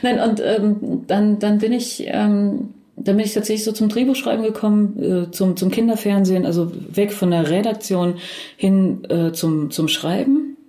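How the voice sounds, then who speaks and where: A woman's voice: medium pitch, moderate pace, warm tone, echoey room. A woman in her forties, a crime novelist and dubbing director, talking casually in a podcast interview with many fillers and restarts.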